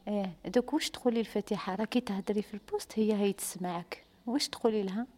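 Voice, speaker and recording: A woman's voice: medium pitch, very fast, darkish tone. A woman with an Algerian accent interviewing people, probing and repeating her questions to coax answers. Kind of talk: street-style interview, questioning.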